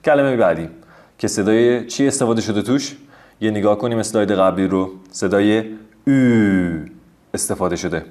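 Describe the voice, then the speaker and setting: Guy teaching a lesson over slides, kinda low voice, patient, stretches out letters when spelling. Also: darkish tone. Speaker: language teacher.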